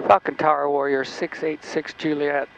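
A man's voice: a little high, flat delivery, moderate pace, creaky, highs cut off. A man acting as pilot of a small plane, making clipped radio calls to the tower through a cockpit headset. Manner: terse clipped aviation phraseology. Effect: pilot speaking through a cockpit headset. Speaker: private pilot. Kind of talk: radio calls to air traffic control. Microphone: headset boom mic. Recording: engine-noisy cockpit intercom.

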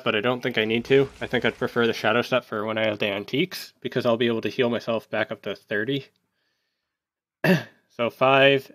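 A man's voice: mid-range voice, no echo. Man muttering through gameplay commentary. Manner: thinking aloud, muttering, sudden excited outbursts. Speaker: gaming YouTuber. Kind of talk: casual live gameplay commentary.

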